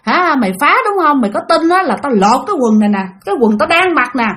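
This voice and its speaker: A woman voicing a fearless, foul-mouthed young village woman, scolding and yelling. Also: high voice, lively intonation, fast. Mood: cursing angrily.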